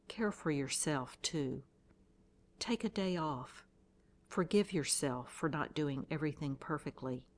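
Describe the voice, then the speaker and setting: Low-voiced woman reading a devotional. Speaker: devotional reader.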